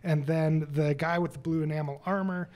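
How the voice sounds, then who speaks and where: A man's voice: a little high, fairly even intonation, normal speed, darkish tone. A man running a tabletop game as game master, narrating in a chatty, upbeat way. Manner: chatty, upbeat, frequent fillers.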